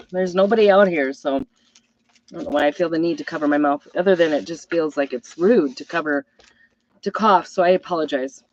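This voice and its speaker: A middle-aged woman with a hoarse, weakened voice from a hacking cough, rambling apologetically as she hosts a casual live craft demo. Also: low voice, a little fast, darkish tone, dry recording, highs cut off. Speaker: craft host and crafting product seller.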